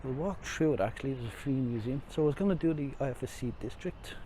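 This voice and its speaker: He's a mellow, expressive Irishman with a mid-range voice who talks fast. Through his face mask, he gives casual, wandering walking tour commentary that often mocks himself, strolling city streets by a river amid loud traffic and vehicle noise.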